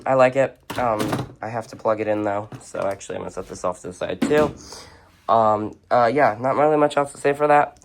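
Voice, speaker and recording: Someone of unclear sex walks through their home radio collection in a mid-range voice, surrounded by shelves and tables of radios indoors. It's an unscripted, casual show-and-tell with blunt, offhand little verdicts on each piece.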